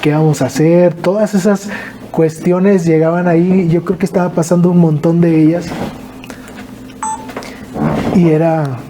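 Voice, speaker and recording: Northern Mexican man, earnest halting storyteller, warm dark voice, faint noise behind. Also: a little high, steady tone. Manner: earnest, halting, with repeated restarts. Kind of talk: emotional personal storytelling.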